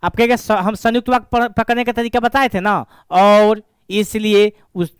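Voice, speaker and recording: A man's voice: high-pitched, steady tone, moderate pace, clear, resonant tone, no echo, clean studio sound. A man teaching a grammar lesson, repeating points and asking and answering his own questions.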